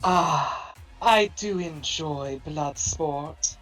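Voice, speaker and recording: A ghostly, invisible baroness, played by a woman relishes blood sport. The low, husky voice stretches each word with theatrical menace for a tabletop game, over music. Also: extremely slow, a bit bright, exaggerated voice, rough recording. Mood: gloating menace.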